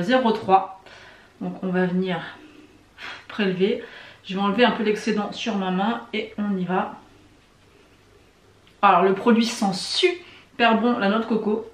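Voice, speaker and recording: A woman chatting casually to her viewers while testing makeup, often pausing on little hesitations. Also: fairly high pitch, roomy sound. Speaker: beauty vlogger. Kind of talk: casual makeup tutorial chat.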